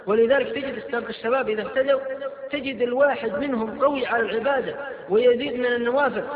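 A man's voice: very high voice, fast. A man preaching to an audience, reading out questions and answering firmly in numbered points. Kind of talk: religious lecture Q&A. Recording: tinny, echoey hall recording with crowd.

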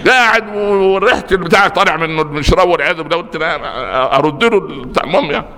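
A man preaching a Friday sermon in Egyptian Arabic, telling stories with lively rhetorical questions and often stumbling over repeated words. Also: a little high, racing. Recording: long hall reverb.

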